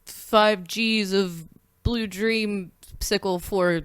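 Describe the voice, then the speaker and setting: A woman's voice: mid-range voice, fairly even intonation, drawn-out words, clean tone. A woman in her twenties with a Texan accent, chatting candidly as a guest, swearing freely and laughing at herself. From Paris, Texas. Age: 20s. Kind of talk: casual chat.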